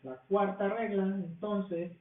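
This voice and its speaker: A man teaching a language class, explaining rules slowly and asking questions that he answers himself. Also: high-pitched, fairly even intonation, very noisy. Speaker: English teacher. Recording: tinny, echoey, from far off the mic.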